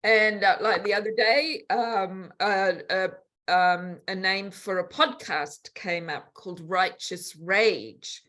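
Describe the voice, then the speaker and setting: A woman's voice: mid-range voice, takes it slowly. A woman in her sixties, a podcast guest, speaking frankly and emphatically in a candid conversational interview. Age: 60s. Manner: frank and emphatic, swinging between soft and animated.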